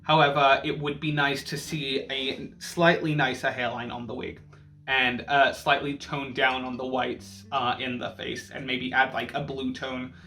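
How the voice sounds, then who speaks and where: A man's voice: medium pitch, flat delivery, a little slow, sharp tone. A man giving casual reaction and review commentary in a campy drag-queen manner, peppered with drag slang.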